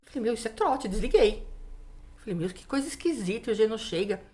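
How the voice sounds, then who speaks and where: A woman's voice: on the high side, quick pace. A woman pastor, telling her testimony in a casual interview and acting out the dialogue. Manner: lively storyteller who acts out dialogue, many "né" fillers. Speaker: pastor, guest.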